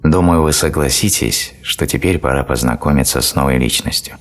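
A man narrating a self-help audiobook in a steady, explanatory reading style. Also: a bass voice, fairly quick, soft background music. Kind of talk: scripted narration.

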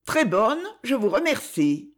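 A woman voicing a timid, polite young woman who is a poor relative, speaking softly and hesitantly in a storybook reading. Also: on the high side, very animated, slow. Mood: shy polite.

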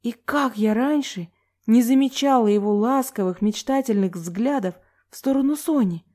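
A woman's voice: on the high side, normal speed, warm tone, pitched above the performer's own voice, lightly acted. A woman voicing a young female student musing sourly to herself. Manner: sour, inward musing.

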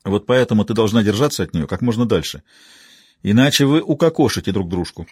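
A male narrator voicing a quiet, reasoning male police partner in an audiobook. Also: fairly low pitch, lively intonation, brisk, husky, no room sound, clean studio sound. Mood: calm. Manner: soothing, quiet.

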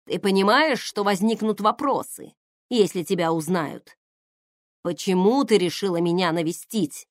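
A woman voicing a stern male colonel who is fed up with his younger sister, speaking gruffly and a little louder than her narration. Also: medium pitch, moderate pace, dry recording, clean studio sound, natural voice. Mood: lecturing. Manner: gruff, exasperated, raised voice. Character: stern male colonel, exasperated older brother.

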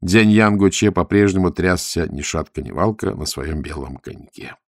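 A man narrating an adventure audiobook with vivid, expressive storytelling. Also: low-pitched, moderate pace, vocal fry, dry recording, clean studio sound.

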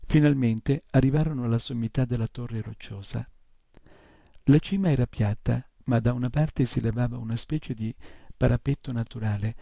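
Gravelly, dark-voiced male reader. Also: mid-range voice, steady tone, normal speed, no room sound. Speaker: audiobook reader. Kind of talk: novel read aloud.

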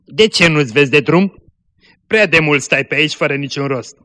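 A man voicing a gruff but kind-hearted street merchant who speaks sternly. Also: on the high side. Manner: stern, pressing, then gentler.

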